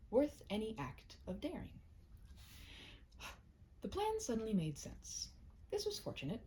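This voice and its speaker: In a rough recording with slight background noise, a woman with a mellow, mid-range voice talks as a storyteller. She chats with the listener in a cozy, intimate one-to-one roleplay, sounding chatty and a little self-conscious, then reads aloud one of her own short stories as host.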